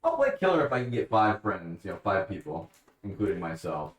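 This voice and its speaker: A man's voice: low voice, big pitch swings, brisk, distant mic. Chatty male streamer in an echoey room. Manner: chatty, reads and answers chat questions. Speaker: livestreamer. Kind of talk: casual live-stream chat. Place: at home, bathroom with a bathtub. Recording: echoey room, away from the mic.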